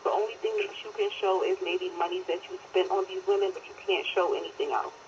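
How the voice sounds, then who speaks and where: A woman's voice: on the low side, fast talker, a little hiss or hum. Woman caller on a headset phone line. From Philadelphia area, US. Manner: blunt, emphatic opinions. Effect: phone call through a bluetooth headset, dropping out. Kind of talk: call-in radio chat.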